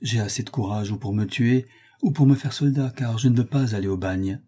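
A man's voice: mid-range voice, a little fast, warm tone, breathy edge, close to an everyday voice. A man reading the part of a young viscount who pleads with his father and then schemes aloud. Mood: pleading.

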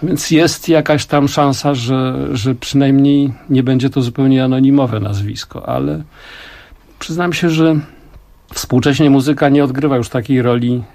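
A man in his sixties, a song translator, speaking in a reflective, measured way in a radio interview. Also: medium pitch, steady tone, gravelly, a little mellow. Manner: reflective, measured, with frequent pauses. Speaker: song translator and musician, guest. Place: radio studio.

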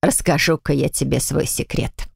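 A woman reading an audiobook, voicing a shrewd, steady old grandmother who speaks slowly and deliberately. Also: low voice, vocal fry, slightly rough, no room sound, studio quality, heavily acted. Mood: sly. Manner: slow, measured, knowing.

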